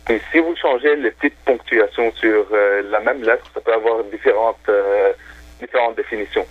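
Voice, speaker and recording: A phone-in guest whose first language is Arabic chats casually in French on a radio show, enthusiastic but hesitant and full of fillers. His fairly low voice moves at normal speed over a tinny, dry phone line.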